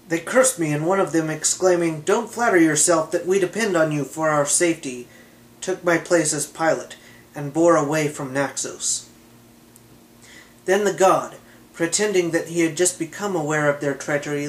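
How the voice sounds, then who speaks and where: Male reader, fairly high voice, steady measured read of a myth. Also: low-quality recording. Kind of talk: reading a myth aloud.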